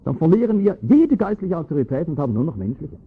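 A man preaching a sermon, explaining scripture with emphatic, rising stress on key points and a husky voice. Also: a little high, big pitch swings, quick pace. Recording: tinny phone-like lo-fi recording.

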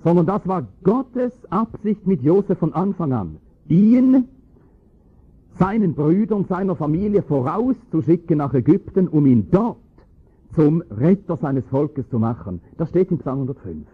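A man preaching a sermon, explaining scripture with emphatic, rising stress on key points and a husky voice. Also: fairly high pitch, big pitch swings, unhurried. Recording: tinny phone-like lo-fi recording.

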